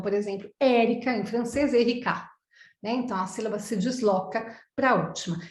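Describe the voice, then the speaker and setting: A woman's voice: on the high side, a little mellow, echoey room. A middle-aged Brazilian woman giving an online lecture to professionals, explaining things step by step and answering her own questions. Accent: Brazilian Portuguese. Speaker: psychoanalyst lecturer. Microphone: video call.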